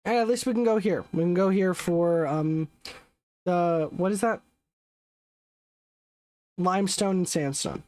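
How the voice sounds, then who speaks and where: A young adult streamer rambles casually through a live gaming session, often correcting themselves and swearing offhandedly. The mid-range voice is a little mellow and slightly slow, with frequent pauses and no echo.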